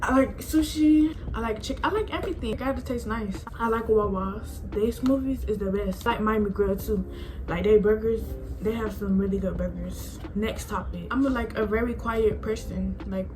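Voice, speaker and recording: A woman's voice: medium pitch, normal speed, noisy background. An eighteen-year-old woman vlogging about herself in a rambling, chatty way, filling her talk with "like.". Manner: chatty, rambling, says "like" a lot. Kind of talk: casual talk to camera.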